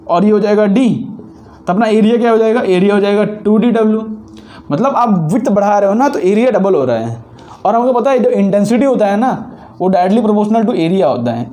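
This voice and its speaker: With a mellow voice that sits high, a physics teacher nursing a sore throat works through exam problems on a board. He goes step by step, repeats the key points, and switches between Hindi and English.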